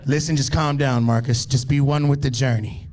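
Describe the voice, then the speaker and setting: A man's voice: mid-range voice, fairly even intonation, normal speed, a little mellow, lightly acted. Laid-back male cat turned surfer dude, put on by a male comic, drawling, easygoing, bro talk. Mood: chill, reassuring. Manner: drawling surfer slang, calls everyone bro.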